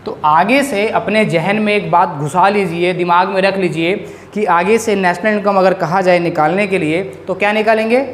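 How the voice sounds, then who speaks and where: A male economics teacher giving a classroom-style lecture, drilling his students with quick questions. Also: sits high. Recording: echoey room.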